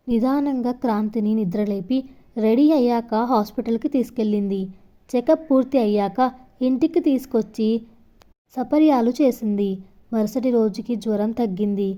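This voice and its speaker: A woman storyteller reading a scripted story in a steady, even manner. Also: on the high side.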